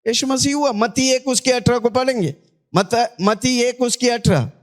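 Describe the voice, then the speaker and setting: A man from India preaching a sermon as pastor, calling on the congregation to shout answers back and repeating scripture after a reader. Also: extremely high pitch, moderate pace. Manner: call-and-response preaching, urging listeners to shout back.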